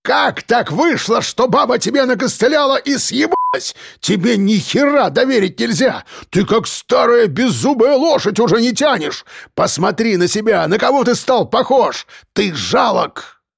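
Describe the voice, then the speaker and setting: A man voicing a raspy, bellowing mayor. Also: very high-pitched, very animated, normal speed, no room sound, voice pushed up, full character voice. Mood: raging. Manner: bellowing, cursing, bullying. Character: furious foul-mouthed middle-aged male mayor.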